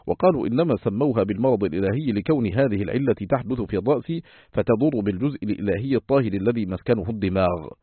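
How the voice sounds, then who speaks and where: A man reading a classical text aloud as an audiobook, in a formal, measured recitation style. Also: medium pitch, no echo. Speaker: audiobook reader. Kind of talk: scripted narration of a classical text. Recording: tinny phone-like, dry, husky.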